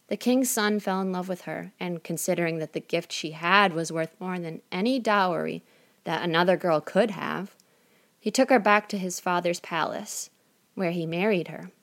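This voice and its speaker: Female narrator, slightly low voice, calm storybook reading.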